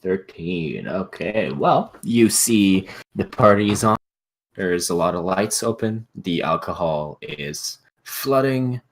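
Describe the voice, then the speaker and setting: A man with a very low voice runs a tabletop game for his friends on a live stream. He narrates loosely, stopping and restarting with plenty of fillers as he builds the scene. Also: animated, takes it slowly. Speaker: game master.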